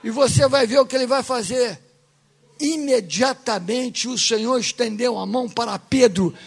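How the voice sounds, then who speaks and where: A man preaching a fervent sermon as pastor, often shouting. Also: extremely high pitch, moderate pace, gravelly, husky.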